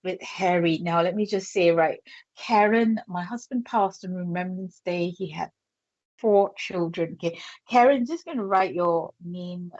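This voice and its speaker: A psychic medium with a Yorkshire accent does a live on-air reading, thinking aloud through many fillers and restarts. She speaks at a measured pace in a fairly low, darkish voice. The sound is dull and lo-fi, with no echo.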